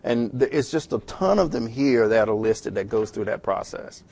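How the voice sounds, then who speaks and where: A man talking fast and conversationally as he records a lecture walking through a textbook chapter, with frequent restarts. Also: lowish voice, lively intonation, vocal fry, darkish tone. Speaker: instructor. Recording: self-recorded lecture audio.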